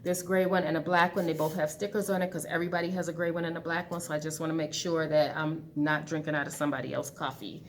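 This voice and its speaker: A woman's voice: deep voice, fairly even intonation, fast talker, few pauses, slight background noise. A woman in her forties speaking candidly to her webcam from an empty classroom, chatting casually as a budgeting channel host. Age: 40s. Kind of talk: casual talk to camera.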